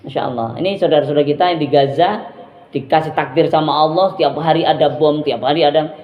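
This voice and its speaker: Animated woman preaching to a study group. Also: fast talker. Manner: animated, playful, acts out examples with sudden high bursts. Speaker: religious study group speaker. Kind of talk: lively religious talk to women's study group. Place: study group gathering room. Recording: echoey, dull room recording.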